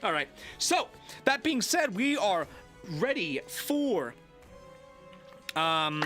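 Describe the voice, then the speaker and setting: High, lively male game master. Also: faint music behind. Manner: halting, repeats words. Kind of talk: casual tabletop game narration on a group stream.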